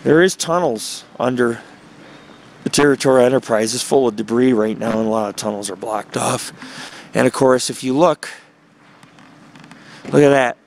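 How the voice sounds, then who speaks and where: A vlogger and paranormal investigator narrates a casual, rambling tour on a small town street, speaking into a handheld camera mic. His mid-range voice has vocal fry and a moderate pace with frequent pauses, and he's chatty throughout. Traffic ambience makes the outdoor recording noisy.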